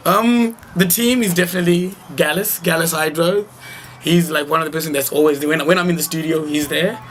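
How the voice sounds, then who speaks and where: A man's voice: fairly high pitch, a little fast, fairly bright tone. A young man from Zimbabwe, a local hip-hop artist, talking casually and rambling in a radio interview. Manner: laid-back, rambling, heavy with "like" and slang. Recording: faint background noise.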